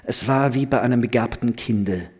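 A man reading a novel aloud in a calm, measured, literary manner. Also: mid-range voice, slightly rough. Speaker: audiobook reader.

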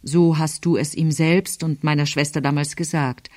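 A woman reading aloud, voicing a composed aristocratic count who speaks in a measured, coolly demanding way. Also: low voice, fairly even intonation, dark tone, no echo, studio quality, close to an everyday voice. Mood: coolly accusing.

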